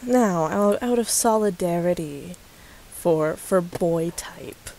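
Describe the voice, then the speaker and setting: Speaking slowly in a low, slightly mellow voice, a woman rants at a commenter in a casual vlog, full of sarcasm, swearing and bursts of laughter. The audio is poor, with a little hiss or hum.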